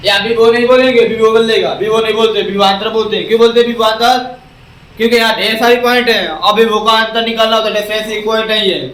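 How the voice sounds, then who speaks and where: A man's voice: sits high, steady tone, fast, fairly bright tone. A man teaching a physics class, who keeps asking his students questions and repeating the key words back to them. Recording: echoey room, mic far off.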